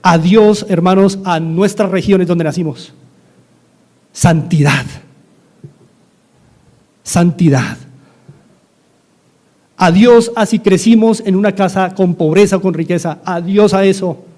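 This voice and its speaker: Speaking slowly and pausing often, this middle-aged Colombian pastor has a high-sitting voice with a warm tone. He delivers a radio sermon in a studio-like setting, earnestly going back over his exhortations again and again.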